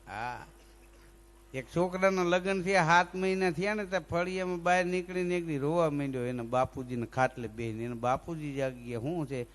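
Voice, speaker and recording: A man's voice: a little high, a little fast. A man, telling folk comic stories and acting out lisping characters. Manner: lively joke-telling with sung bits and acted lisping voices. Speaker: folk comedian. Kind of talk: dayro comic storytelling.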